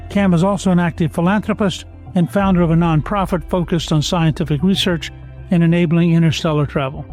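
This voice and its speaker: An older man leads the interview in a measured, admiring tone. His voice sits high but sounds mellow and warm. The sound is dry and close, with faint music underneath. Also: fairly even intonation. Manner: measured, complimentary questioning. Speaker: podcast host. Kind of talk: interview talk.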